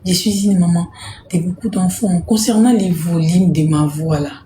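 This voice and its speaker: A woman from Congo hosting a casual live stream to sell jerseys, speaking softly and repeating herself. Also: lowish voice, steady tone, normal speed, echoey room, slight background noise. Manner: soft-spoken, repeats herself. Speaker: livestream host selling jerseys. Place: home room, indoors.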